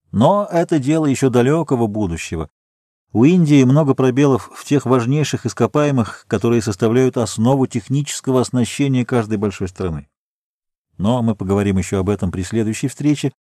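A man reading aloud, voicing a calm, learned middle-aged geologist who explains things in a measured way. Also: mid-range voice, no room sound, clean studio sound, natural voice.

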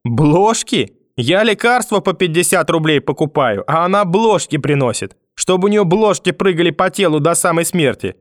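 A man's voice: animated, brisk, a bit bright, no echo, studio quality, lightly acted. A man voicing a cruel, bitter old grandmother who curses and shrieks. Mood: furious. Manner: shrill, venomous, cursing.

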